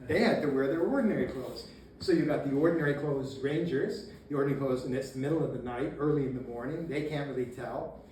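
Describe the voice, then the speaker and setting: A man with a mid-range voice talks fast in a casual public lecture on local history, animatedly acting out shouted lines and laughing along as he goes. The audience sits with him in a meeting room, and the far-off camera mic gives an echoey recording with faint noise.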